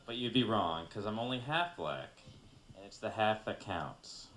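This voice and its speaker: A man's voice: on the low side, expressive, a little slow, fairly bright tone, slight background noise. A man performing a self-mocking stand-up comedy set in a club. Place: comedy club in New York City. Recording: echoey club room.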